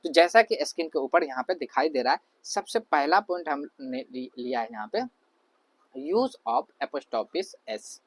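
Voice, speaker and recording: A man teaches an online class over slides, his voice on the high side, expressive and measured. He explains patiently, often repeats himself and leans on plenty of fillers.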